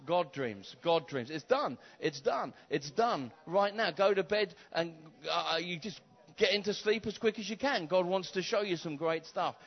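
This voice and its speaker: A man with a high voice leads charismatic prayer from the pulpit, fervent and insistent, repeating his phrases. He swings from hushed, intimate prayer to shouted calls to the crowd. The recording is dull and lo-fi. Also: lively intonation, unhurried. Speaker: preacher leading prayer.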